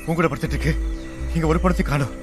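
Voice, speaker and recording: An actor playing a harried young man who runs a haunted hotel, brisk and reassuring. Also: on the high side, over music, close to an everyday voice. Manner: brisk, reassuring then pleading.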